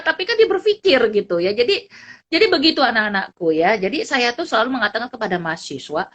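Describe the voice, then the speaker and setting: Lively middle-aged woman lecturer, somewhat high, chatty, teaching online. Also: highs cut off. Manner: lively, chatty, ends phrases with tag questions. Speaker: psychology lecturer. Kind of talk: online class talk.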